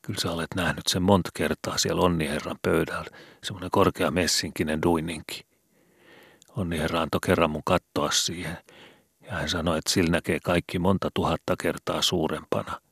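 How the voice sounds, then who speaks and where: A man voicing a streetwise teenage boy who explains things in a hushed voice with old Helsinki slang. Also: deep voice, steady tone, breathy edge, dry recording, clean studio sound, full character voice. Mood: explaining. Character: streetwise teenage boy Vili, know-it-all.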